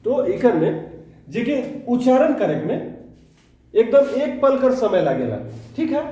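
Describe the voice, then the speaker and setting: A man teaches a grammar lesson, his high, mellow voice rising and falling widely. He speaks unhurriedly, repeating terms and checking in with the class. He sounds distant, recorded in a very echoey room. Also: sing-song. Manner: slow and repetitive, often checking in with the class. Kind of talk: exam-prep grammar lesson. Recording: very echoey room, mic far away.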